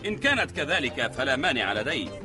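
An actor playing a self-important, bribable police chief in a comedy drama, brisk, commanding and pompous. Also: male voice, mid-range voice, very animated, music in the background, lightly acted. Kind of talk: theatrical Arabic comedy drama acting.

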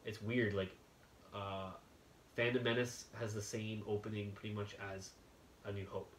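A man's voice: lowish voice, level tone, moderate pace, slight background noise. A man co-hosting a podcast, chatting casually and rambling enthusiastically. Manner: rambling, enthusiastic, laid-back. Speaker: podcast co-host. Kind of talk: casual chat. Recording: echoey room with faint ambience.

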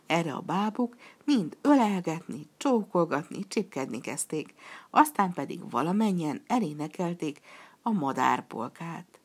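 A woman narrates a children's tale in a steady, expressive reading. Her voice is low and even. She paces the story calmly between the characters' lines. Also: breathy edge.

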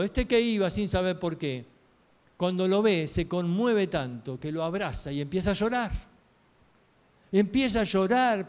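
A man's voice: high voice, smooth. A man preaching a sermon, telling stories earnestly and asking rhetorical questions.

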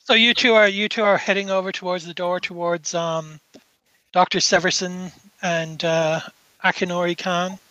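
A man narrating a tabletop game as game master, in a relaxed, rambling way with frequent fillers. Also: high-pitched, moderate pace, clean tone, dry recording, muffled recording.

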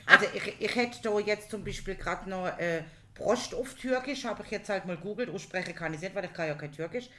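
A woman chatting casually and joking in a lively back-and-forth. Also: medium pitch, brisk, few pauses, noisy background. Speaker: co-host. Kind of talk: casual chat.

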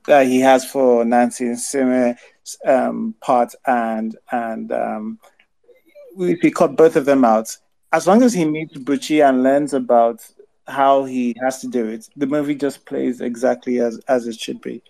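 A man's voice: medium pitch, steady tone, measured pace, gravelly, a little mellow, low-quality recording. A man co-hosting a podcast, discussing a film casually, stammering and restarting as he thinks aloud. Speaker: podcast co-host.

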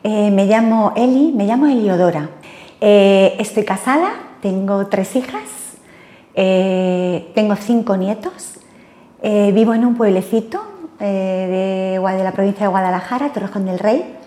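Older spanish lady sharing her faith story, halting, lots of "eh", echoey room. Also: mid-range voice, dark tone. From Spain. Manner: hesitant, many fillers and tag questions. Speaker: interview guest. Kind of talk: personal faith testimony.

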